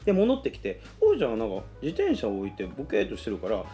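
Lively man telling a story, laughing. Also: lowish voice, very fast, faint music behind. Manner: animated storyteller who acts out quoted voices and laughs often. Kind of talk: casual storytelling chat.

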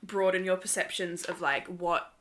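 A woman's voice: lowish voice, level tone, moderate pace, fairly bright tone. A woman co-hosting a podcast, speaking earnestly and filling her sentences with "like" and "sort of". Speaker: podcast co-host. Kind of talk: casual podcast conversation.

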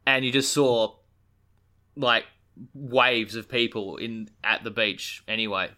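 Bright, clear-voiced Australian man. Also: medium pitch, takes it slowly. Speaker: podcast co-host. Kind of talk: casual chat.

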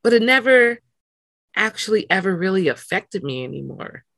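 A woman's voice: medium pitch, very animated, moderate pace, gravelly, fairly bright tone, dry recording. A young adult woman answering interview questions, earnest, often repeating words as she searches for them. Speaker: interview guest, nonprofit worker. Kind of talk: casual interview conversation.

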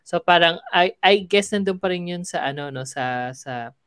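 A speaker with a Filipino accent co-hosting a podcast, reviewing a series in casual chat, mixing in English and pausing to search for words. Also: mid-range voice, animated, fairly bright tone, clean tone, no echo, studio quality. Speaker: podcast co-host.

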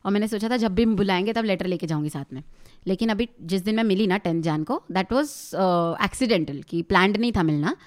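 A young woman in her twenties, a rapper guest on a podcast, telling a story in an animated, laughing way. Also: medium pitch, a little fast. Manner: animated, laughs often, mixes Hindi and English. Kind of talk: casual storytelling chat.

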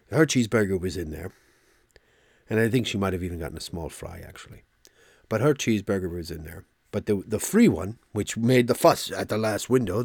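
An older man hosting a podcast, telling a long story in a casual, animated way and getting worked up as he replays an argument. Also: vocal fry, dry recording, studio quality. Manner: animated, rising to exasperated pitch when replaying arguments. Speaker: podcast host.

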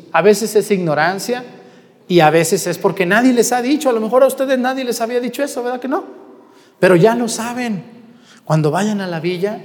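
Mexican priest preaching in a reverberant church. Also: male voice, high-pitched. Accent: Mexican Spanish. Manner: animated, asks the congregation questions, drops to a hush for emphasis. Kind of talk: sermon. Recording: long hall reverb in a church.

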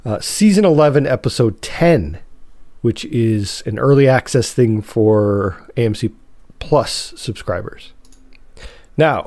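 A man's voice: mid-range voice, darkish tone, no room sound. A man hosting a solo podcast with a cold, sounding nasal, talking in a rambling, chatty way and often correcting himself. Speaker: podcast host. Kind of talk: casual solo podcast talk.

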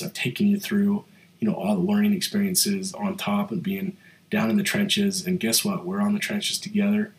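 Low-voiced nasal man with a cold. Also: rough recording. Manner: motivational, with many fillers like "like" and "um". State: has a cold. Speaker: podcast host. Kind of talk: solo podcast monologue.

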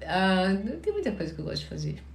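A woman from Paraná with a Curitiba accent, a therapist calmly answering viewers' questions in a live chat, sounding tired. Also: mid-range voice, fast talker, echoey room, a little hiss or hum. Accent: Curitiba Portuguese. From Paraná, Brazil. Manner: calm, advising, often checks in with listeners.

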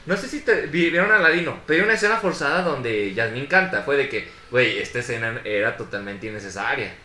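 A Mexican man with a very sharp, tense tone and lively pitch gives his opinions in slangy chat. His voice rings a little in a roomy space. A faint hiss sits underneath. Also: quick pace. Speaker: podcast co-host. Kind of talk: casual chat.

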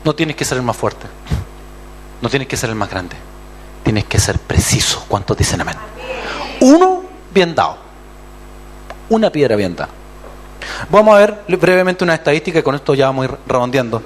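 A man's voice: medium pitch, fairly quick, a little hiss or hum. A man with a Chilean accent preaching a sermon as pastor, acting out other voices and calling for amens. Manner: animated, acts out voices and calls for amens.

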